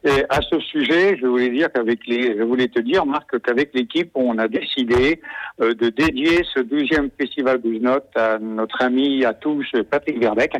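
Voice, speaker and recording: A man's voice: mid-range voice, normal speed, no room sound, low-quality recording. A man from Normandy, a festival organizer, talking enthusiastically in a radio interview with many hesitations. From Normandy, France. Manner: enthusiastic, warm about musicians, frequent hesitations.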